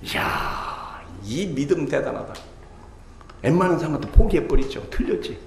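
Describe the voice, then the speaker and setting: Male pastor preaching, gravelly voice, big pitch swings, booming then hushed, echoey sanctuary with faint hiss. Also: animated, normal speed. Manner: preaching with sudden swings from loud exclamations to soft, hushed asides; rhetorical questions to the congregation. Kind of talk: sermon. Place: church sanctuary.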